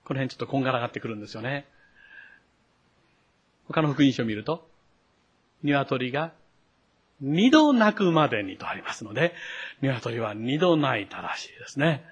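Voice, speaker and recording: A man, a pastor delivering a sermon, who acts out the quoted speech with a raised voice and drops to a hush when he turns to the congregation. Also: mid-range voice, animated, moderate pace, pauses often, husky, highs cut off.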